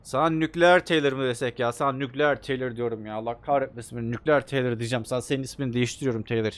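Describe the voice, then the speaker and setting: A young man playing a video game, commenting excitedly and joking as he talks to the characters on screen. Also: medium pitch, racing. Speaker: gaming YouTuber. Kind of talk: let's play commentary.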